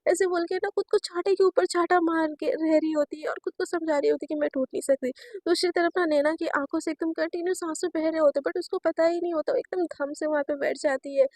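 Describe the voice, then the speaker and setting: A woman's voice: very high-pitched, steady tone, a little fast, hardly any pauses, a little mellow, dry recording, studio quality. A woman narrating a romance story in a chatty, casual way, mixing in English words and talking to listeners.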